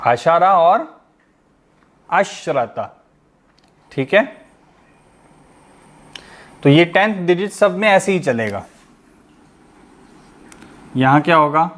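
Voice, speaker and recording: A man's voice: on the high side, expressive, drawn-out words, long pauses, a bit bright. A man teaching a grammar lesson over an online class. He explains step by step, asking the class questions and then answering them himself.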